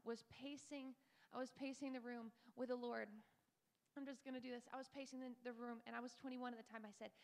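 A young woman in her twenties speaks on a church panel, giving a fervent, breathy preaching testimony and mimicking tongues. Her voice is fairly high and fairly bright.

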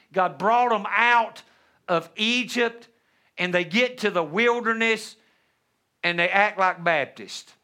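A middle-aged pastor delivers a folksy, joking sermon in a church. His voice sits high for a man and rings bright and forceful. He jumps from loud, fired-up passages to quiet, hushed asides. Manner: folksy, humorous preaching with sudden swings between loud and hushed. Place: church sanctuary.

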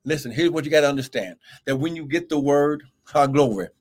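Emphatic male preacher, slightly high-pitched. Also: fairly quick, a little mellow. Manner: emphatic and exhortative, with repeated phrases and interjections. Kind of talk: impassioned live-streamed Bible sermon.

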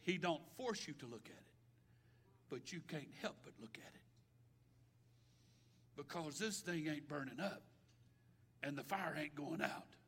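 A man preaching a sermon, swinging between shouts and hushed lines, with folksy grammar. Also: fairly high pitch, expressive, measured pace, pauses often, slightly rough. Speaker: pastor. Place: church sanctuary. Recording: long reverb of a large hall.

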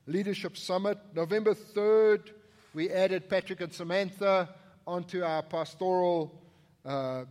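A man's voice: high-pitched, darkish tone. A man preaching as a church pastor in an informal, conversational and emphatic way. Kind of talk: conversational sermon. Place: large indoor church room. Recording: echoey hall with long reverb.

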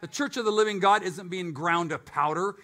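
A man preaches a live sermon in church, his voice sitting high and sounding bright and forceful. He swings from loud, emphatic lines to quiet, low stretches. He drops joking asides along the way. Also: fairly quick. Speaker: pastor.

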